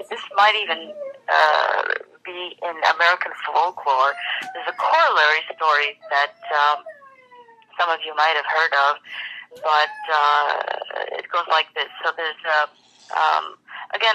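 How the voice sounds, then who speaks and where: A religious speaker giving a spiritual talk, telling a fable with many pauses, fillers and restarts. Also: mid-range voice, bright, forceful tone, a little hiss or hum, rough recording. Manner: reflective, teaching.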